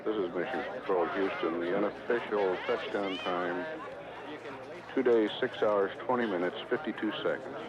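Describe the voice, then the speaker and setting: A man giving calm, measured mission control commentary over a radio transmission. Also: sits low, a crowd in the background. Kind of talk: flight commentary. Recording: muffled, noisy radio feed.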